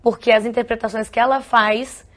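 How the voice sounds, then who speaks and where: A Brazilian woman speaking as a guest on a studio talk show, explaining in a steady way. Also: on the high side, normal speed. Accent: Brazilian Portuguese. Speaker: guest specialist.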